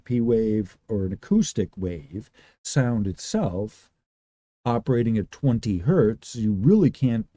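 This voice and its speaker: A man with a very dark, booming voice talks his regulars through an unscripted explanation. His pitch moves a lot as he rambles, starting sentences over and thinking out loud. The sound is dry and close. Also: no echo. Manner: rambling, restarts often, thinks aloud. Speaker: livestream host.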